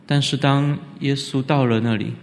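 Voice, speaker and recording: A man giving an animated church lecture on scripture, often leaping up in pitch for emphasis. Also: normal speed, a little hiss or hum. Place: church hall. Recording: reverberant church hall.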